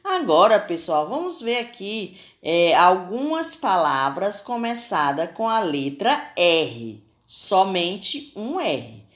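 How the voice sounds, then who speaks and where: A woman's voice: fairly low pitch, very animated, slow pace, hardly any pauses, a bit bright. A woman teacher with a Brazilian Portuguese accent, giving a recorded spelling lesson to children and carefully sounding out letters and syllables.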